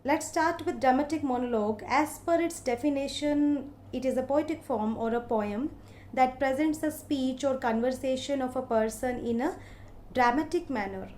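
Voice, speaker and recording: A woman from India with an Indian English accent, giving a literature lecture in a slow, explaining way with many hesitant fillers. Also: sits high, a little mellow, a little hiss or hum. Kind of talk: recorded lecture.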